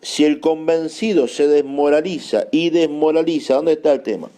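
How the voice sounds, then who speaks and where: A man preaching a sermon in an Argentine accent, emphatic and repeating key phrases slowly for his listeners to note down. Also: on the high side, dark tone, soft background music. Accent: Argentine Spanish. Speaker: apostle preaching.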